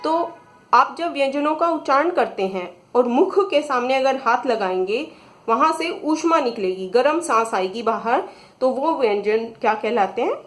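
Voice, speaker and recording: A woman's voice: high-pitched, lively intonation, moderate pace. A woman teacher, patiently reading out exercise questions to children and explaining each answer. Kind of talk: slow explanatory lesson.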